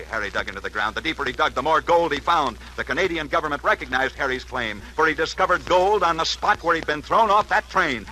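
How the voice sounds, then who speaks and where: Male host, old-time radio newsreel announcer, bright punchy tone, wide dramatic pitch swings. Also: slight background noise, low-quality recording. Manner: dramatic storyteller, swooping pitch and sudden pauses. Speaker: radio sports show host. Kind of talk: 1940s radio sports newsreel storytelling.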